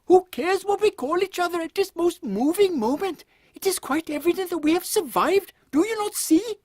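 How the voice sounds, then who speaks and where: Very high-pitched, imperious queen, Victoria. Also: animated, moderate pace, darkish tone, no echo, studio quality. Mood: haughty. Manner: haughty, scolding, formal old-fashioned phrasing. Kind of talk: comic audio drama acting.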